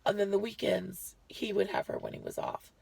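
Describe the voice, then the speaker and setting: A woman's voice: medium pitch, sing-song, normal speed, vocal fry, darkish tone, slightly rough, dry recording. A woman vlogger giving a chatty, rambling health update to her viewers, short of breath and often correcting herself. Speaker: lifestyle vlogger.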